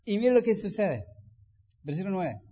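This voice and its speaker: A man preaching a sermon, acting out quoted voices and rising to loud emphasis. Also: high-pitched, unhurried. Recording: dull sound with long hall reverb.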